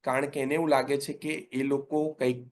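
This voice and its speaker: A middle-aged man giving a parenting webinar talk, animated and acting out the lines of children and parents. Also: mid-range voice, moderate pace. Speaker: parenting coach.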